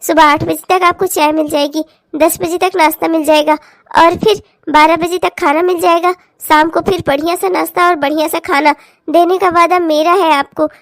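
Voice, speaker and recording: A woman's voice: very high-pitched, steady tone, moderate pace, no room sound, studio quality. A woman voicing a polite, dutiful young daughter-in-law in a cartoon, speaking sweetly and respectfully.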